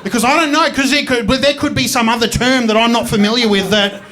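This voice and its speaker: High-voiced Australian comedian, rambling. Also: male voice, steady tone, fast talker, bright, forceful tone. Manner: rambling, self-deprecating, swears freely. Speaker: stand-up comedian. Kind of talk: stand-up comedy storytelling. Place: comedy stage before a live audience.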